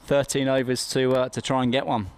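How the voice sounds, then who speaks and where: A man gives live cricket analysis as a former player. His delivery is rapid, with little movement in pitch and a middling register. He is conversational and opinionated, often repeating a phrase to press it home. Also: level tone, a crowd in the background. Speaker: summariser and former county cricketer.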